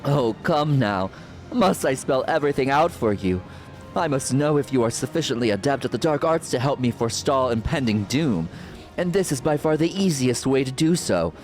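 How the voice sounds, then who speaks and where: A man's voice: medium pitch, lively intonation, moderate pace, faint music behind, pitched above the performer's own voice, close to an everyday voice. Man voicing a menacing, theatrical villain sorceress. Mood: taunting menace. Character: haughty sardonic ancient sorceress villain, memory manifested, woman. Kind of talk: reading game dialogue aloud in character.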